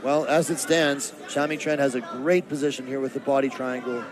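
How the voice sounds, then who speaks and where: A man giving live MMA play-by-play commentary in a measured, descriptive announcer style. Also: mid-range voice, steady tone. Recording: crowd noise and music behind. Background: arena crowd and music.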